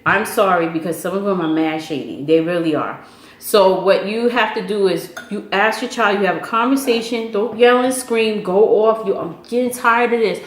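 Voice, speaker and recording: Motherly woman giving parenting advice. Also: mid-range voice. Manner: motherly, advising, teasing. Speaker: parent and vlog host. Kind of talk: casual family chat and advice. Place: home room at a meal. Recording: echoey room with faint noise.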